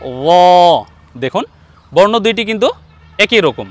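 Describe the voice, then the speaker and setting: Man, Bangladeshi Bengali accent, fairly high voice, dry close sound, patient Quran teacher, long drawn-out letters. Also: expressive, fairly bright tone, dry recording. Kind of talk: online Arabic letter pronunciation lesson.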